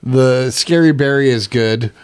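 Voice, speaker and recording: A man's voice: mid-range voice, measured pace, smooth. Co-host: an easygoing, upbeat man with a mid-range voice. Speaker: podcast co-host. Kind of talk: casual tasting chat.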